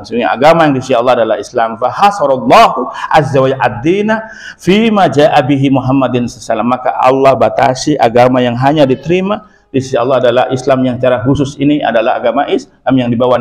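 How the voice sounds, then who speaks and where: A man from Madura with a Madurese accent, teaching a religious lesson in an emphatic manner and often checking in with his listeners. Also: medium pitch. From Madura, Indonesia. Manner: lively, emphatic, with frequent affirming "ya". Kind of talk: religious lesson explaining a text. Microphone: phone camera.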